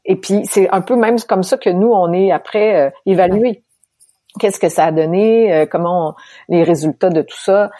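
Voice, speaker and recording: A middle-aged woman with a Québécois accent, telling her story as a guest with animated laughs and restarts. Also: lowish voice, normal speed, no room sound, clean studio sound. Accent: Québécois French. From Quebec, Canada. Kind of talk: conversational storytelling.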